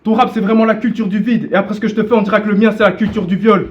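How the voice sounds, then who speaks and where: A man's voice: sits high, steady tone, very fast, highs cut off, a crowd in the background. A man delivering declamatory, mocking a cappella battle rap. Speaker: battle rapper. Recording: clearly noisy live recording.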